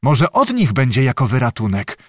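A man voicing a young noble maiden who speaks softly and pleadingly in an audiobook reading. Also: mid-range voice, huge pitch swings, moderate pace, no room sound, clean studio sound.

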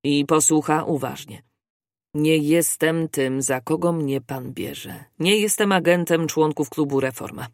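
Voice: medium pitch, measured pace, no echo, studio quality, lightly acted. A reader voicing a cool, calculating male police inspector who speaks tersely and evenly. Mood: stern.

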